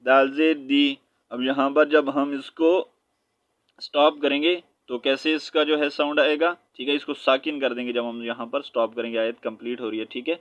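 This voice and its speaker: Patient male Quran teacher, slow chanting. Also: mid-range voice, little pitch movement, dry recording, dull audio. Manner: patient, checks in with "okay?" after each point; slow drawn-out chanting of verses. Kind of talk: spelled-out recitation lesson.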